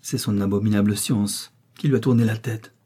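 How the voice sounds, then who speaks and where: A man's voice: on the low side, fairly even intonation, moderate pace, mellow, slightly rough. A man voicing Minnie, a fretful older wife. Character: anxious elderly woman, scientist's wife.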